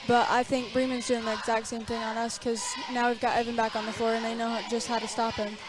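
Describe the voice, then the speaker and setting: A young woman adding color commentary at a high school basketball game, low-key and tired. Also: flat delivery, fast talker, a crowd in the background, noisy background. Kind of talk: casual sports commentary.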